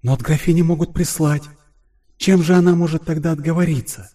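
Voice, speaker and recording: A man reading an audiobook voices a timid, tearful young woman seamstress, pleading in a breathy, trembling voice. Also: on the high side, steady tone, brisk, mellow, voice pushed up, lightly acted. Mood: anxious.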